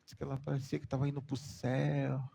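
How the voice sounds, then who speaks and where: A man from Brazil, a bishop preaching a sermon full of stories, animated and acting out voices. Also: mid-range voice, fast talker, vocal fry, slightly rough, long reverb tail. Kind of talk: sermon with storytelling. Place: church hall.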